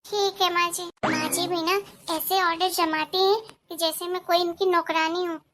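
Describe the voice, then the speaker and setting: A woman's voice: very high-pitched, little pitch movement, moderate pace, music in the background. A woman voicing a young, educated daughter-in-law in a cartoon story, muttering complaints to herself in a chatty way. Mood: grumbling.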